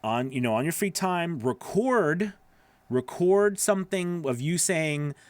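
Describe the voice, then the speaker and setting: Here a middle-aged voice-over coach hosts a live session, casually advising viewers who send in questions. His pitch is somewhat high, his delivery expressive and unhurried, emphatic, with frequent check-ins with the listener. Captured close on a boom-arm broadcast mic in a small home studio indoors, the sound has no echo.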